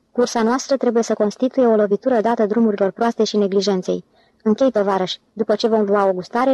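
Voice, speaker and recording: A woman voicing a scheming, smooth-talking male con man who leads his band in a storybook reading. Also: a little high, dark tone, no echo, lightly acted, rough recording. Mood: orating. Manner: commanding, irritable.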